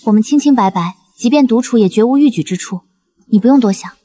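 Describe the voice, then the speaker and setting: A woman playing a sharp-tongued young noblewoman. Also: a little high, expressive, fast talker, close to an everyday voice. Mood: brisk. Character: young noblewoman in an ancient-China romance, firm and sharp-tongued. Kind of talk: costume drama acting.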